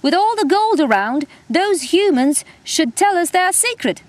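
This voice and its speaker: A woman voicing a small, freezing male gnome who shouts everything he says, for a storybook reading. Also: very high-pitched, sing-song, measured pace, no room sound, pitched above the performer's own voice, exaggerated voice. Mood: shouting. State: freezing cold, shivering.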